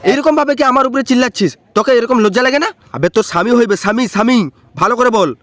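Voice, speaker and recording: A man voicing a short-tempered village father who scolds loudly, swinging from growls to shrill yells. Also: fast, no echo, faint music behind. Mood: indignant. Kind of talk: cartoon comedy voice acting.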